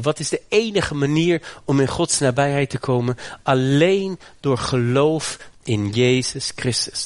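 A man from the Netherlands preaching a sermon with passion, swinging from low, grave lines to high, fervent ones, often repeating words as he builds. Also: no echo. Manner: repeats words and restarts phrases. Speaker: pastor.

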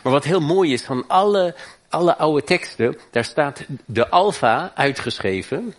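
A man's voice: on the high side, animated, a little slow. A man preaching a sermon, fervent and emphatic, his voice climbing on key points.

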